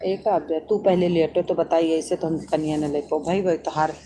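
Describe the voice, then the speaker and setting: A woman's voice: sits low, fairly even intonation, normal speed, warm tone, a little hiss or hum. A woman with an Awadhi accent on a casual live stream, coaxing and soothing a sick child.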